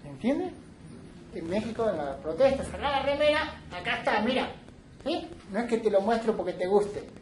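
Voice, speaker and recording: A woman teaching a class, switching between Spanish and English and often checking in with the students in an animated way. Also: a little high, moderate pace, a little hiss or hum. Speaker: instructor. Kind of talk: classroom lecture. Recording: roomy classroom sound from a distant mic.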